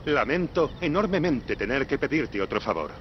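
Anxious, pleading temple official male voice actor, animated delivery, muffled game audio with faint noise. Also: medium pitch, moderate pace, natural voice. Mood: worried. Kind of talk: dubbed video game dialogue.

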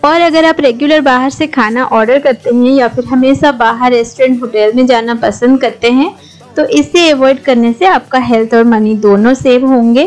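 A woman's voice: high voice, moderate pace. A middle-aged woman from India giving friendly kitchen tips in a voice-over, mixing English words into her Hindi. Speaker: home cooking channel host. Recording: soft music bed behind voice-over.

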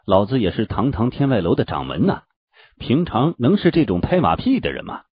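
A man voicing a flattering middle-aged male sect leader who whines and wheedles, in a dull, dry recording. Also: mid-range voice, a little fast, breathy edge, dry recording. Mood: grumbling. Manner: whining, wheedling.

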